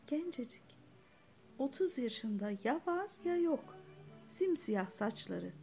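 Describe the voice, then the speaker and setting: Woman narrator for a reflective literary read, measured delivery, faint music bed. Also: medium pitch, darkish tone.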